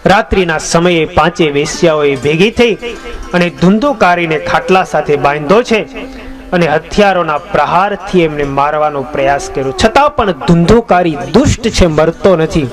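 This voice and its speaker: A man with a high-pitched voice narrates a scripture tale as a swami, in a measured, dramatic way. His delivery is steady and devotional. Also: music in the background. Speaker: religious storyteller, swami.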